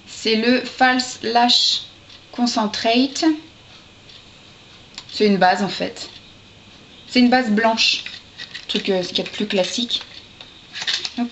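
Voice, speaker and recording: A woman chatting casually to her camera as a beauty vlogger, hesitant and full of fillers, with little asides as she handles things. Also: mid-range voice. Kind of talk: casual haul chat to camera. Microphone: camera's built-in mic. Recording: dull lo-fi camera audio with steady hiss.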